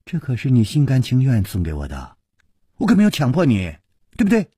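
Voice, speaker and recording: A storyteller voicing a cheeky young male servant who teases and speaks in sly, low asides. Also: wildly swooping pitch, brisk, husky, dry recording, clean studio sound. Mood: smug. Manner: teasing, sly, soft asides.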